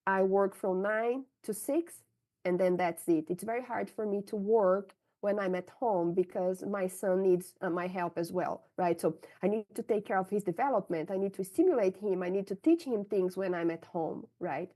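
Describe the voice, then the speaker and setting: A Brazilian woman, a native Portuguese speaker with a Brazilian Portuguese accent, gives candid, conversational answers about her scientific career. Her mid-range, dark-toned voice moves at a moderate pace, and she often tags "right?" onto her sentences.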